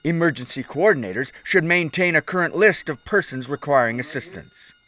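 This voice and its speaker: A man reading scripted safety instructions as a narrator, in a measured, instructive way. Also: fairly high pitch, lively intonation, sharp tone.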